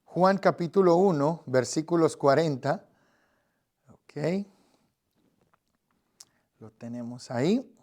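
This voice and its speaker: A man's voice: fairly high pitch, expressive, slow pace, pauses often, a little mellow. A man from Guatemala with a Guatemalan accent, giving an earnest Bible lesson on evangelism and speaking directly to the listener with frequent fillers. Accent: Guatemalan Spanish. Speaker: evangelism teacher.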